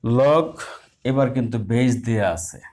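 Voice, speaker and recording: A man's voice: medium pitch, measured pace, darkish tone. A man teaching a math lesson live online, explaining step by step in a patient way with small hesitations.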